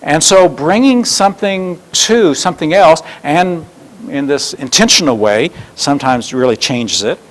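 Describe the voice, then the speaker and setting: A man presents a seminar in a lively, expressive voice that rises and falls widely. He tells stories and acts out the people he quotes, and his voice sits a little high for a man. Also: unhurried, poor audio. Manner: animated storyteller, acts out quotes. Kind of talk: teaching talk with acted examples.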